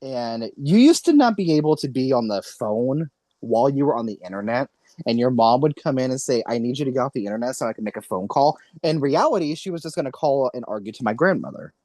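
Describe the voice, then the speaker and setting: A man in his late twenties hosts a casual podcast conversation, rambling earnestly and often correcting himself. His voice sits at a medium pitch with a slightly mellow quality, and there's no echo.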